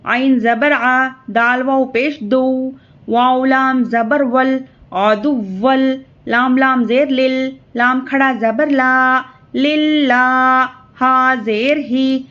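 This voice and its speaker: A woman teaching Quran reading, spelling syllables slowly and drawn out, with quick explanations of the rules in between. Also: high voice, fairly even intonation, fairly bright tone, lo-fi sound. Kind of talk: slow letter-by-letter spelling lesson.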